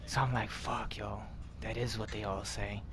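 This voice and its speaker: Here the same kind of host, an American man, relaxes into a profane, slang-heavy anecdote for his friends and acts out each line of dialogue. His voice runs on the low side with little pitch movement, vocal fry, a fairly bright tone, and a moderate pace.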